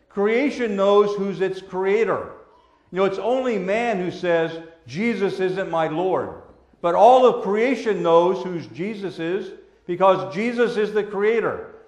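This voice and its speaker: A man preaching a children's sermon as a pastor, gentle and patient like a Sunday school teacher, using simple words and questions. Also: high-pitched, expressive, takes it slowly. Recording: echoey room.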